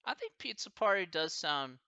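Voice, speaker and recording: A man's voice: high voice, big pitch swings, normal speed, vocal fry, pushed and bright, smooth, no room sound. A man with a Midwestern American accent, a math professor chatting casually with his students and thinking aloud as he answers their questions.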